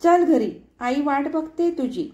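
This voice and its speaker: Lady doing a squeaky little boy in a story, high and eager, keeps asking stuff. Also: expressive, slow, mellow, dull audio. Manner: insistent childish questioning. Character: chatty clever little boy, curious.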